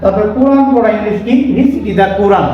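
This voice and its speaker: A man's voice: high-pitched, quick pace, dull audio. A man teaching English vocabulary, spelling each word letter by letter and asking and answering his own questions. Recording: very echoey room, faint noise.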